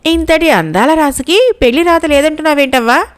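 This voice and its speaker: A woman storyteller voicing a young prince in a folk tale, courteous and self-assured, a little lower than her narrating voice. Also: a little fast, natural voice. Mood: concerned. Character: young noble prince, calm and brave.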